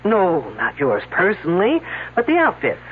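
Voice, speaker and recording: A woman's voice: fairly low pitch, huge pitch swings, moderate pace, slightly rough, heavily acted. A wisecracking lady detective. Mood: sarcastic. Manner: dry, sarcastic quips. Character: wisecracking, sharp-tongued woman detective. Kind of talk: 1970s radio drama acting. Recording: tinny old radio broadcast.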